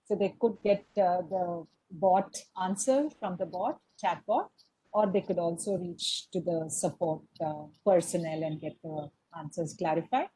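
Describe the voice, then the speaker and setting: A woman's voice: fairly low pitch, a little slow, mellow, breathy edge, low-quality recording. A woman moderating a webinar over a video call, polite and reassuring, with fillers.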